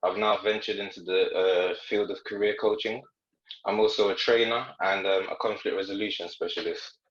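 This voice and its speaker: A man's voice: fairly low pitch, fairly even intonation, normal speed, fairly bright tone, roomy sound, lo-fi sound. A man guest on a podcast, chatty and self-deprecating, joking easily and restarting his sentences. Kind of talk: podcast conversation.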